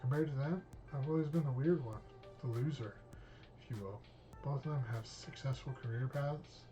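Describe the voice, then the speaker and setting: A man's voice: mid-range voice, normal speed, dark tone, soft background music. Casual man reading a game aloud. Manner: casual, reads all parts, drops in swear words. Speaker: streamer. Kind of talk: reading a visual novel aloud.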